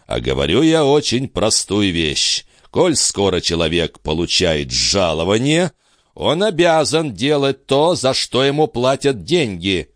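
Man playing an ironic orator, measured, gently mocking, lively pitch, dry close sound. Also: dry recording. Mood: calm. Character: calm, ironic male orator addressing a crowd.

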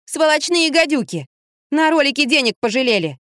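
Woman playing fiery exclaiming girl, high and loud. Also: big pitch swings, moderate pace, no echo, studio quality. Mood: outraged.

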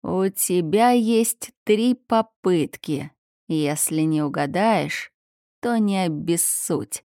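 A woman voicing a huge, menacing sphinx monster that poses riddles, in a slow, drawn-out, gloating way. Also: on the low side, expressive, warm tone, dry recording, studio quality.

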